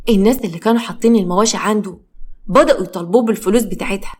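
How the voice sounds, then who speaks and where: Fast-talking Egyptian woman storyteller. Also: medium pitch, darkish tone. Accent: Egyptian Arabic. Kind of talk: story narration.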